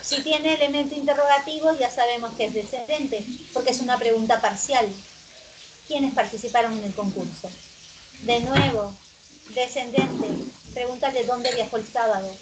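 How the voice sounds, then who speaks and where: A woman teaching an exam-review class, reading questions aloud and answering them herself in quick, short replies. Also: on the high side, fairly even intonation. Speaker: pre-university teacher. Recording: noisy recording with background hum.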